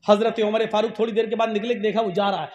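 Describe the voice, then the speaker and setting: A man delivering a humorous religious sermon, telling stories in an animated, jokey way. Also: sits high, quick pace, lo-fi sound. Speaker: preacher. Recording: long hall reverb.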